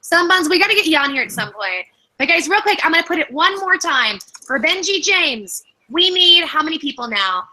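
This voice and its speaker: Woman, high, very bright voice, brash and foul-mouthed, casual livestream host. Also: big pitch swings, brisk, poor audio. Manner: brash, swearing, joking.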